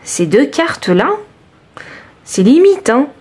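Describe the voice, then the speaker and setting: A woman giving a chatty, expressive tarot reading, talking straight to her listeners and exclaiming over the cards. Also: high-pitched, slow pace, slightly rough. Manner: addresses listeners directly. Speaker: tarot card reader. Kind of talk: informal tarot reading to camera.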